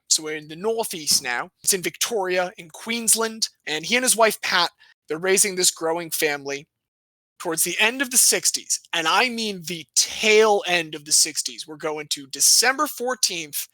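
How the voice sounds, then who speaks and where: Playful bright-voiced male podcast host. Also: high-pitched, dry recording, low-quality recording. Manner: playful, animated storyteller with jokey asides. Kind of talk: casual sports history storytelling.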